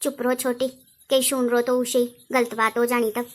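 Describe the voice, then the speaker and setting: A woman playing a patient elder sister who keeps calming the others. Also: a little high, normal speed, voice pushed down, lightly acted. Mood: soothing. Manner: calming, placating.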